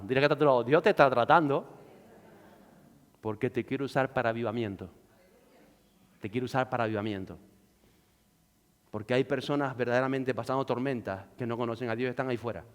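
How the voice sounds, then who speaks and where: Preaching man in a reverberant hall. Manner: swings from loud shouts to hushed lows; acts out the voices of the figures he reads about. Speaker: pastor. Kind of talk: sermon.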